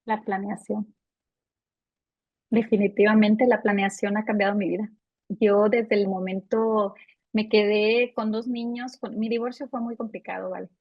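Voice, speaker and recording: A woman's voice: mid-range voice, little pitch movement, measured pace, no room sound, highs cut off. A woman in her fifties, a financial advisor guest, answering interview questions in an earnest, personal way. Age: 50s.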